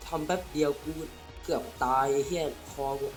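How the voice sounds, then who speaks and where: Excitable young-sounding man narrating his gameplay. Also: fairly high pitch, fairly quick. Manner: excitable, swears casually, talks to viewers. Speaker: gaming channel host. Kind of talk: casual gameplay commentary. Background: game music.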